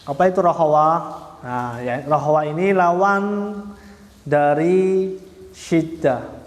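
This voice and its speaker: A man teaching Arabic letter pronunciation, slowly and patiently, repeating each point and sounding out the letters syllable by syllable. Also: a little high. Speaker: Quran recitation teacher. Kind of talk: religious lesson. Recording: echoey hall, roomy reverb.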